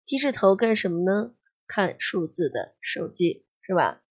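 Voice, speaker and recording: A woman teaching an English exam lesson, explaining slowly and patiently and repeating key words. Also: mid-range voice, big pitch swings, fairly bright tone, slightly rough, dull audio. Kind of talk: exam-prep grammar and vocabulary lesson.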